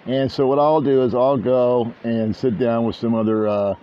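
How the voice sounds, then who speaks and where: Holding a small camera at a beach resort, an older man chats casually to his viewers, rambling and poking fun at himself. His medium-pitched voice stays level at a normal speed. The outdoor sound is dull and lo-fi, with a bit of background noise.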